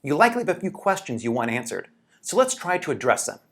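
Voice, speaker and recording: Steady promo narrator answering objections. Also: mid-range voice, quick pace. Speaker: sales pitch narrator. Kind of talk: scripted promotional voice-over.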